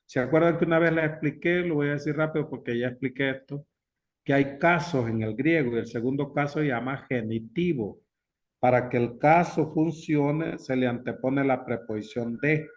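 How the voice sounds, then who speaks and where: A pastor teaching a Bible class, speaking slowly and emphatically and repeating key words. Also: male voice, mid-range voice. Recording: dull lo-fi recording.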